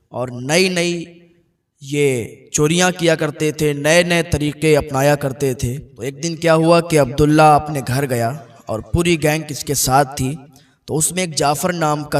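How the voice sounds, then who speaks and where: A man's voice: on the high side, distant mic. A male preacher telling a moral story in sermon style, exhorting and repeating his points. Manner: exhorting, repetitive preaching narration.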